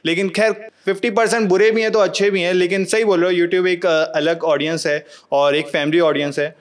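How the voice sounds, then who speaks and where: A man's voice: sits high, fairly even intonation, brisk. A man hosting a podcast, asking teasing, probing questions in casual chat. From Pakistan, Karachi. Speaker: podcast host.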